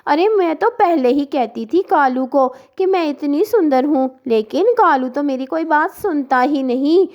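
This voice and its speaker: A woman voicing a vain, chatty female crow in a cartoon story, gossiping excitedly and complaining about her mate. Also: sits high, measured pace, dull audio.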